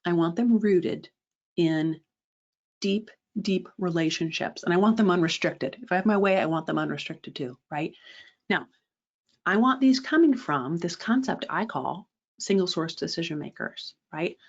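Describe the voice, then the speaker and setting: A woman's voice: on the low side, animated, normal speed, highs cut off. A woman presenting a fundraising webinar, direct and emphatic, often checking in with a rhetorical "right?" and adding sarcastic asides.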